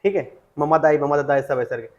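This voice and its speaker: Quick-paced and fairly high-voiced, a male teacher lectures his class on Chhattisgarhi vocabulary, dictating and repeating words and asking questions. The recording's high frequencies are cut off.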